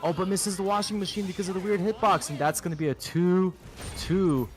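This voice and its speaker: A man's voice: sits high, fairly quick. Joking man in his thirties commentating. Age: 30s. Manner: joking, crude, playful banter. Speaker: tournament commentator. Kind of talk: casual esports commentary.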